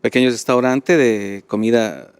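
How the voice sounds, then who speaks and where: A man's voice: mid-range voice, fairly even intonation, measured pace, smooth, dry recording. A man from Bolivia, a polite and somewhat hesitant guest on a studio program. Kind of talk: studio interview.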